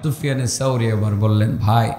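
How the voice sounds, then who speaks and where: A man's voice: medium pitch, normal speed, a little mellow. A man preaching a waz sermon, telling a story and breaking into a sung, chanting delivery at its climaxes. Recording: echoey hall with long reverb.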